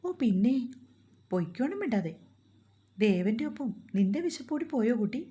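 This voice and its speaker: A woman's voice: fairly high pitch, sing-song, moderate pace, dark tone. A woman voicing a motherly older aunt in a storybook reading, scolding and teasing playfully.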